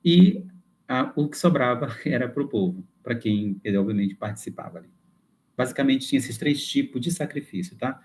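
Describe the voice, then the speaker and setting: A man's voice: medium pitch, lively intonation, normal speed, a little mellow. Man lecturing, explaining step by step. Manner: explanatory, thinks aloud with fillers and restarts. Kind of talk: classroom lecture.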